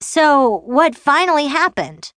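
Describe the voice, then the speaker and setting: Woman reading an english practice dialogue, slow and swoopy, asking questions, dry sound. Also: sits high, big pitch swings, fairly bright tone, no echo. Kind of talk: scripted dialogue for language learners.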